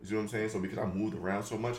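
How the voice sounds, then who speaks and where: A man's voice: on the low side, very fast, echoey room, a little hiss or hum. A man with a New York accent co-hosting a casual podcast, telling stories animatedly, with lots of restarts and swearing. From New York City. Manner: animated storyteller with frequent restarts and profanity. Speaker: podcast co-host. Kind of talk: casual banter.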